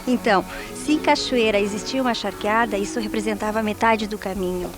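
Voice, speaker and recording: Brief: Brazilian woman interviewee, mid-pitched, explaining facts patiently, with music audible behind. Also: steady tone, a little fast. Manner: informative, with tag questions and self-corrections.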